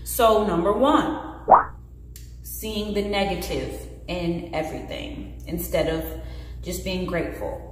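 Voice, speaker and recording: In a bare indoor room with very echoey, long reverb, a woman in her late twenties talks earnestly to the camera in a personal vlog, expressive and moving her hands. Her voice is on the low side and unhurried, with a little hiss or hum.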